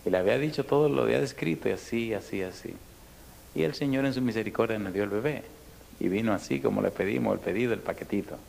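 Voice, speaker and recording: A man preaching a storytelling sermon to a congregation, animated, acting out the people in his story and dropping to a near whisper for his closing appeal. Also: fairly low pitch, quick pace, creaky. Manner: animated, acts out dialogue, drops to near whisper. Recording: echoey hall, faint background noise.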